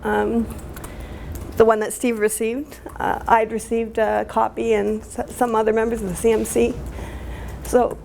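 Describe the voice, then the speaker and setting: Emotional woman with a gravelly voice. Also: fairly high pitch, level tone, a little mellow, slight background noise. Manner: halting, many fillers, emotional. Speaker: community activist speaker. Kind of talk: emotional public talk.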